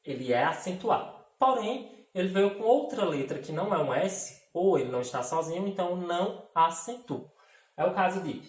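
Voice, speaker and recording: Brazilian man teaching grammar in an echoey room. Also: a little high. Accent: Brazilian Portuguese. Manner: explanatory, checks in often with the class. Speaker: Portuguese teacher. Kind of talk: grammar lesson for an online course. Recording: roomy echo, mic at a distance.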